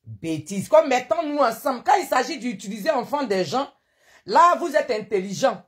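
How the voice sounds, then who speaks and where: A woman with an Ivorian French accent hosts a live-stream rant. Her voice sits high, and she scolds indignantly, firing the same rhetorical questions again and again. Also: sing-song, moderate pace.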